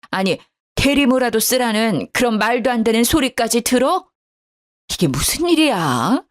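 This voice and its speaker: A woman's voice: a little high, voice pushed up, lightly acted. A woman voicing an indignant older mother. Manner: agitated, indignant chatter.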